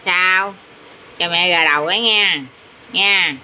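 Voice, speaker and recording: Speaking slowly in a low-ish, bright, forceful voice, she chats with her parrot amid slight background noise. With her Southern Vietnamese accent, she keeps teasing the bird and repeating questions to it.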